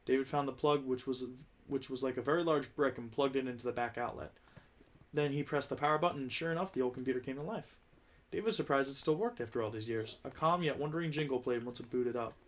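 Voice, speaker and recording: A man reads a script aloud in a casual, joking read-through. His voice sits at an ordinary middle pitch, and he often stumbles and restarts his lines. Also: quick pace. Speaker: script reader.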